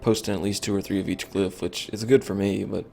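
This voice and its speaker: Low gravelly tired male streamer. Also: flat delivery, brisk, mellow, faint music behind. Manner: rambling, thinks aloud with fillers. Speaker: game streamer. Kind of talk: casual gameplay commentary.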